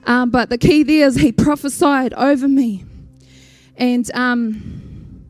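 A high-voiced woman with a Māori New Zealand accent speaks over music at a church gathering. Her tribute is heartfelt and informal, with hesitations and Māori words dropped into the English. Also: slow, darkish tone, no echo. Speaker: church member introducing an honoured elder. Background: music behind the voice.

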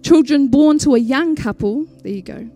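A high-voiced woman with a Māori New Zealand accent speaks over music at a church gathering. Her tribute is heartfelt and informal, with hesitations and Māori words dropped into the English. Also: moderate pace, dark tone. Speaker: church member introducing an honoured elder. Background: music behind the voice.

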